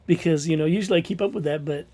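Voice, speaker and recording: A man's voice: fairly high pitch, fast, mellow. A man from Missouri co-hosting a casual podcast chat, plugging his convention in a rambling way, full of ums. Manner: rambling, filler-heavy promotional talk. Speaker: convention organizer and podcast co-host.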